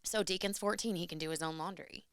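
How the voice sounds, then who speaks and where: A woman in her thirties, co-host of a podcast, chatting casually and a little raspy and hoarse from being sick. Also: lowish voice, quick pace. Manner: animated storytelling. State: slightly hoarse after illness. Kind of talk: casual chat.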